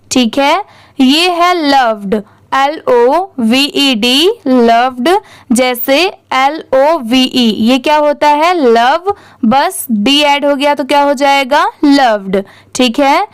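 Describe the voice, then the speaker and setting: Young Indian woman, English tutor, high voice, unhurried, letter-by-letter spelling, dry close sound. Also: dry recording. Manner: spells words letter by letter, then says them; asks and answers her own questions. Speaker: English teacher. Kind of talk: slow step-by-step reading lesson.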